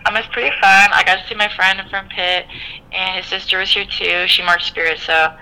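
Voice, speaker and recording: A young woman calling in, heard through a phone on speaker, chatty and excitable. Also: mid-range voice, brisk, rough recording. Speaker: phone-in caller.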